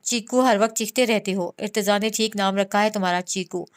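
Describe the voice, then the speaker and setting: A woman reading a headstrong young woman from a romance novel. She needles and teases with a grin in her voice, which stays smooth and clean. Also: mid-range voice, steady tone, brisk, close to an everyday voice. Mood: taunting. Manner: taunting, mischievous. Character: stubborn teasing young woman, playful.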